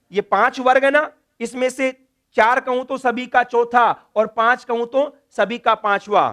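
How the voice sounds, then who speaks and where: A man's voice: extremely high pitch, fairly bright tone. A man teaching Sanskrit grammar in a classroom lecture, drilling letters one by one and answering his own questions.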